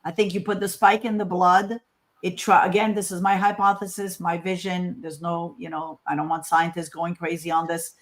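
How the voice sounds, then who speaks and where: Giving a conference talk, this female scientist from Morocco has a fairly low voice, a flat delivery and a normal pace. The talk is informal, and she keeps it emphatic and chatty, frequently asking rhetorical questions.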